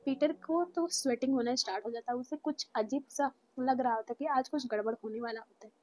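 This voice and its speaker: A woman's voice: high voice, a little fast, darkish tone, dull audio. A woman narrating a fan fiction story in a casual, conversational way, dropping in English words. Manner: plain conversational retelling, mixing English words. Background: faint background music.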